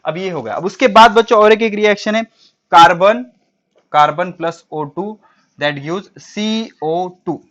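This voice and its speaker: A man's voice: sits high, a little slow, a bit bright. A male teacher giving a classroom chemistry lecture, asking questions and answering them himself, mixing English terms into his speech. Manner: quizzing students and answering his own questions. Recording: dull lo-fi recording.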